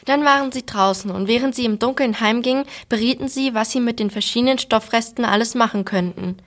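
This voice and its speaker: A woman reading a children's novel aloud in steady storytelling. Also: fairly high pitch, fairly quick.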